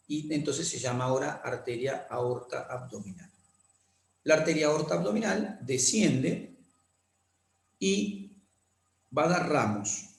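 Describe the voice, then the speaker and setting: Gravelly, patient male anatomy lecturer. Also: medium pitch. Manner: patient, repeats key terms and checks understanding. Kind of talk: classroom lecture with drawing demonstrations. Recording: echoey room.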